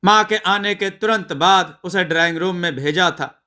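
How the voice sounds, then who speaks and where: A man's voice: sits high, moderate pace. A man voicing a patient young husband. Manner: gently correcting, affectionate.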